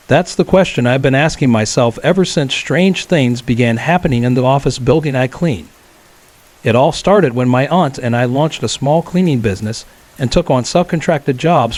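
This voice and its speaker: A man telling a true horror story as scripted narration, in a calm, measured way. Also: medium pitch.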